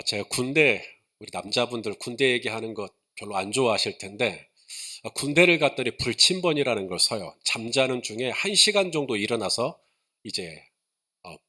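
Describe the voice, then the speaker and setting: A man's voice: mid-range voice, sharp tone. A man preaching a sermon to his congregation, chatting and asking questions, then building to emphatic points. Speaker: pastor.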